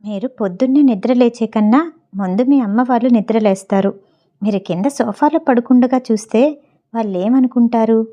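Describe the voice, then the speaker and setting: A woman's voice: fairly high pitch, normal speed, dull audio, close to an everyday voice. A woman voicing a frank, coaxing young bride who keeps her voice down in a storybook reading. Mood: persuasive. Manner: hushed, persuasive.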